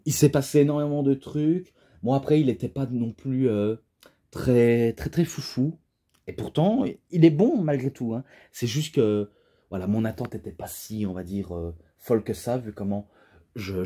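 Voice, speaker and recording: A young man talks through a wrestling DVD review in a loose, casual way. He rambles, restarts his sentences and leans on fillers. His voice is mellow and a little husky. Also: mid-range voice, normal speed.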